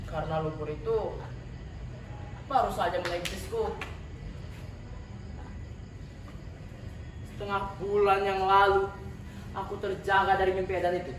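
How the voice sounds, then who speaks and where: A woman with an Indonesian accent playing a distraught, guilt-ridden male office cashier in a declamatory, hammy theatrical monologue with dramatic pauses. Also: medium pitch, close to an everyday voice. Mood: bitter confiding. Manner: hammy, declamatory stage acting with shouted outbursts and long dramatic pauses. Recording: roomy echo, distant mic, background noise.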